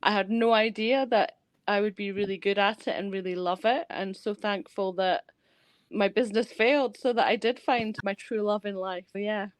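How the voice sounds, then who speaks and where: A woman's voice: mid-range voice, fairly even intonation, moderate pace, dry recording. A Scottish woman from Scotland, a panel guest on a video call, telling her career story in a candid, upbeat and emphatic way.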